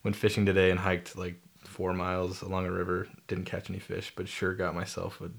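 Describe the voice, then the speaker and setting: A young man co-hosts a casual talk podcast, cracking dry jokes as he explains therapy terms; he's studying therapy himself. His low voice is monotone and creaky, and he talks a little fast.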